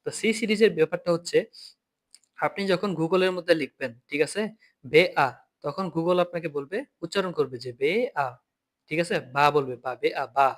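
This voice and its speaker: A young man with a somewhat raised voice teaches German to Bengali speakers in an online class. He spells out letters slowly, repeats each word several times, and keeps checking that his listeners follow. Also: fairly high pitch. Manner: explains patiently, repeats letters and words, checks with "ঠিক আছে?". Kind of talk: online language lesson.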